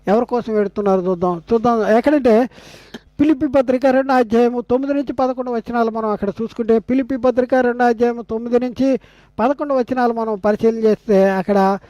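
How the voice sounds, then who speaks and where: Older man, Bible teacher from India, preaching, rhetorical questions, repeats himself, very high voice. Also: warm tone, no room sound, dull audio. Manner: slows down when quoting scripture. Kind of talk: sermon.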